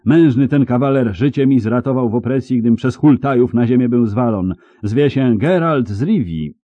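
A man reading an audiobook, voicing an earnest, old-fashioned knight who declaims loudly and solemnly. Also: medium pitch, moderate pace, no echo, highs cut off, voice pushed up, close to an everyday voice. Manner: loud, solemn, archaic declaiming.

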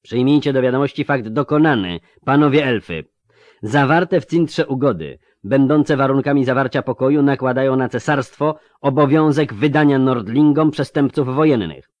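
Stern imperial officer, formal and loud, read by a male narrator. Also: mid-range voice, normal speed, dry recording, lo-fi sound, pitched above the performer's own voice, close to an everyday voice. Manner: shouting orders, then cold and formal.

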